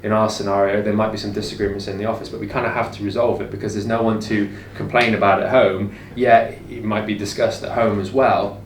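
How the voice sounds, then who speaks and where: In a recording with an echoey room, background noise, and a far-off mic, a male co-host and business owner talks through his views conversationally. His voice sits on the low side with little pitch movement, and he speaks fast with few pauses.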